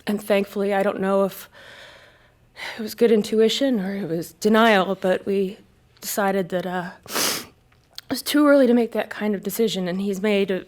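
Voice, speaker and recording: At a panel discussion in a live event space, a woman who is a military spouse gives personal testimony, halting often, hesitating, and correcting herself. Her voice is mid-range with a darkish tone.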